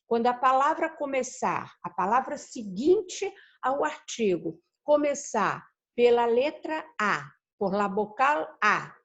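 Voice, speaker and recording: Slow, deliberate woman teaching Spanish. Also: medium pitch. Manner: slow, deliberate, spells out letters and repeats words; asks the class questions, then answers them. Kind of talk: recorded online class. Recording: dull lo-fi recording.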